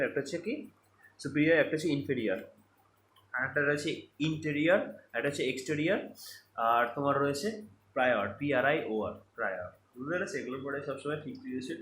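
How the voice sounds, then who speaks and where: A man's voice: mid-range voice, fairly bright tone, a little hiss or hum. A man with a Bengali accent teaching English grammar, explaining each point step by step and checking in with rhetorical questions. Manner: explains step by step, reads sentences out slowly, asks rhetorical checks. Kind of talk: online grammar lesson. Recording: echoey room with faint ambience.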